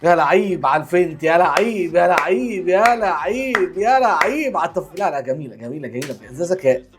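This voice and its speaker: A man's voice: sits high, quick pace, soft background music. A man with an Egyptian accent hosting a football reaction video, exclaiming and repeating himself as he reacts to clips. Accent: Egyptian Arabic. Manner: animated, exclaiming, repeats words. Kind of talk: excited reaction commentary.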